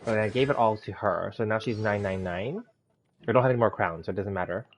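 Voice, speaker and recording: A man with a lowish voice and quick pace chats his way through a gameplay livestream he's hosting, narrating each step in a rambling fashion. He has a slight lisp, as if he'd just bitten his tongue; the audio is dull and lo-fi, with music playing.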